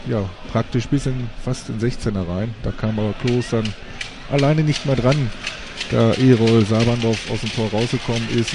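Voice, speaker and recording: A man giving live play-by-play football commentary from an outdoor ground, repeating words as he follows the action. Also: medium pitch. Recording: noisy outdoor stadium recording.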